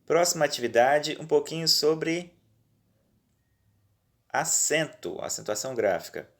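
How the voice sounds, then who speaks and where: A man's voice: fairly high pitch, lively intonation, unhurried, fairly bright tone. A male teacher with a Brazilian accent, explaining worksheet exercises to pupils in a patient, reassuring way and checking in often, recorded on a phone at home. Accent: Brazilian Portuguese. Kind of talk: remote lesson walking through worksheets.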